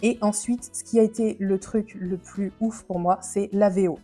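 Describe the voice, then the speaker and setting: A woman's voice: mid-range voice, fairly even intonation, moderate pace, warm tone, soft background music. A woman vlogger answering viewer questions in a chatty, slangy way, often laughing. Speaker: lifestyle vlogger. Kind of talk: casual Q&A chat to camera.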